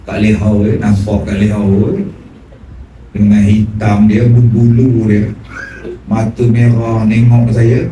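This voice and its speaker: A man preaching a sermon, telling stories animatedly and acting out dialogue with big swings in pitch. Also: flat delivery, takes it slowly, warm tone. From Malaysia. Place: prayer hall. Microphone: phone recording from the audience. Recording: echoey hall from far off with room noise.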